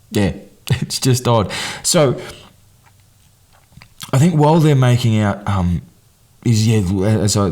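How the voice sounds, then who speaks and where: A man with a fairly low voice talks casually about a film as the host of his own podcast. He rambles, circles back with ums and restarts, then lifts into quick bursts of amused emphasis. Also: a little mellow.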